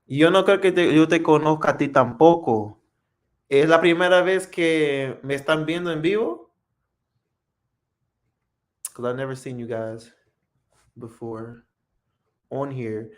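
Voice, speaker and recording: A man whose first language is English, hosting a casual live practice stream and answering viewers in English and Spanish. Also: fairly high pitch. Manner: unhurried, friendly, answers viewer comments.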